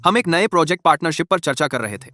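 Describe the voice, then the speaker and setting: A man's voice: a little high, expressive, fast talker, pushed and bright, dry recording, studio quality. A man voicing a confident young male company chairman who teases his rival in a dubbed drama. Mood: calm teasing.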